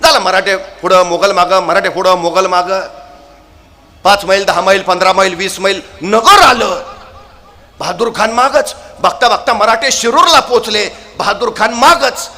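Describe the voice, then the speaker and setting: A woman telling a historical battle story with lively drama, building to shouted battle cries with playful asides. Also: medium pitch, a little slow.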